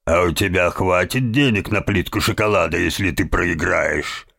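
A man's voice: deep voice, moderate pace, gravelly, sharp tone, exaggerated voice. A man voicing a fat, mustached cemetery watchman who grumbles curtly. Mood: gruff. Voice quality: grumbling, curt.

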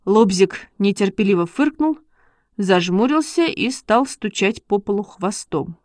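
A woman narrating a children's story in a lively storytelling manner. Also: mid-range voice, measured pace, dry recording, studio quality. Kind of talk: storybook reading.

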